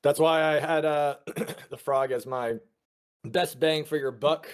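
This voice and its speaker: A man's voice: on the high side, fairly even intonation, measured pace, clean tone. A man in his thirties co-hosting a casual podcast, chatty and explaining things plainly. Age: 30s. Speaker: podcast co-host.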